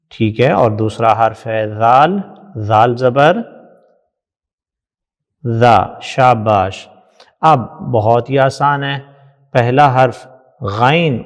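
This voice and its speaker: Patient male reading teacher, reverberant. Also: medium pitch. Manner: patient, praises often, sounds out letters slowly. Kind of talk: recorded lesson for children. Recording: long hall reverb.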